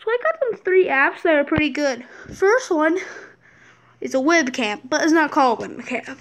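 A woman's voice: high voice, expressive, moderate pace. A woman talking through a casual app tutorial as a YouTuber, rambling and jokey, with asides muttered under her breath. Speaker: YouTuber demonstrating apps.

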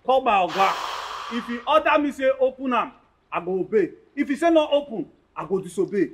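Stubborn Nigerian gateman, very high voice, teasing pidgin, faint noise behind. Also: very animated, fairly quick. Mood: mocking. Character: stubborn male gateman, mocking, suspicious. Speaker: gatekeeper.

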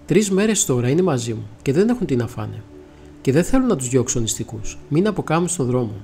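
Man, scripture reading, measured delivery, mid pitch, faint background music. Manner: measured, steady reading aloud. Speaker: Bible reader.

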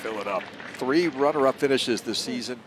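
A man working as lead golf commentator, giving live play-by-play in a measured, polished broadcast manner. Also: medium pitch, background noise.

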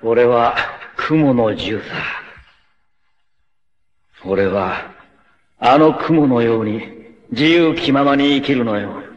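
A male actor playing a battered, defiant free-spirited warrior in a 1980s anime, cocky, rough-spoken and theatrical, with a gravelly, strained voice. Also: medium pitch, animated, slow pace, pauses often, muffled recording. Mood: cool defiance. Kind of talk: dramatic 1980s anime acting. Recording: noisy old anime soundtrack clips.

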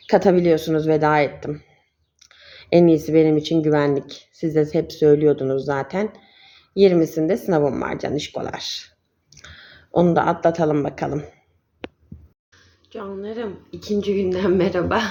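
A woman's voice: fairly low pitch, mellow, dull audio. A woman chatting casually in a vlog, affectionately calling her viewers dear ones. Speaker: vlogger.

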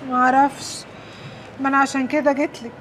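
An actress playing a young Egyptian servant woman who was betrayed, given to wailing laments and sharp scolding, in a TV drama with a music score. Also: high voice, flat delivery, fast talker, slight background noise. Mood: fretful, chatty.

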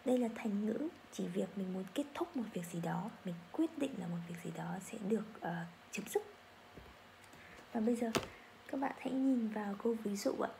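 A woman with a Vietnamese accent teaching English pronunciation, saying model phrases slowly for learners to repeat. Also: medium pitch, expressive, vocal fry, mellow, a little hiss or hum. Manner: slow, drawn-out model phrases for repetition. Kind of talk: pronunciation lesson.

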